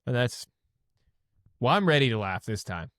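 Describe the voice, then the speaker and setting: Podcast dude telling a bar story, acts out the voices, swears a lot, dry sound. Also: male voice, mid-range voice, moderate pace, no echo. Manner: animated storyteller, acts out quotes; swears casually. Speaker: podcast co-host. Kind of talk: casual chat.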